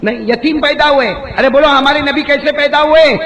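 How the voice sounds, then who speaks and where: A male preacher delivering a devotional sermon, urging the crowd to call back and switching between hushed storytelling and drawn-out chanted verses. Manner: coaxes the audience to respond, repeating prompts; drops to a hushed low voice for storytelling.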